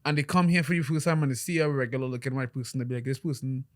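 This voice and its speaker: A young Trinidadian man hosts a casual podcast, his mid-range voice racing as he tells stories animatedly, laughing often and restarting many times.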